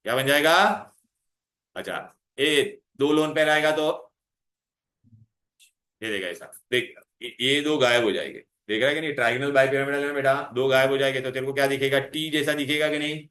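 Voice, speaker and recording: Coaxing chemistry teacher, echoey room. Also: male voice, medium pitch, a little fast, a bit bright. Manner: coaxing, calls students "beta", quizzes them constantly. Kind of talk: revision lecture to students.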